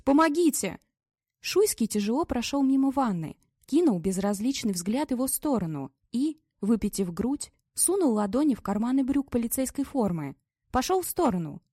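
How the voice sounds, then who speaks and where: Audiobook narrator, woman, mellow dark tone, higher pitch, dry close read. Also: breathy edge, no room sound. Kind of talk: scripted narration.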